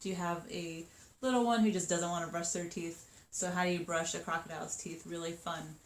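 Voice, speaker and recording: A woman in her thirties chatting upbeat about children's books, with lots of ums and quick asides. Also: fairly low pitch, steady tone. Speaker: children's book seller. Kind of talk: casual book showcase. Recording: echoey room with faint noise.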